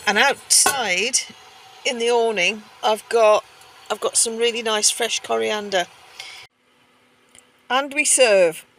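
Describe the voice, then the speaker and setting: A woman's voice: on the high side, takes it slowly, pauses often, fairly bright tone, a little hiss or hum. A woman chatting casually to camera as she cooks in a heated tent, thinking aloud as she goes. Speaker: camping cooking vlogger. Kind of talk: casual cooking chat to camera. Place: inside a heated stove tent.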